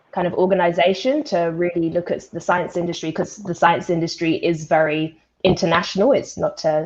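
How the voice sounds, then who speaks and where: Hosting a casual live online panel by video call, this volunteer science event presenter chats in a conversational manner. Her voice sits on the low side and has a slightly mellow quality. The call audio sounds dull and lo-fi.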